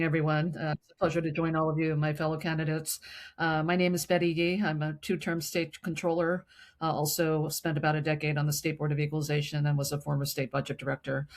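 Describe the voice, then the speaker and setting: A woman from San Francisco giving a halting opening statement at a candidate forum, with frequent uh and um fillers. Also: low-pitched. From San Francisco, California. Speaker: gubernatorial candidate.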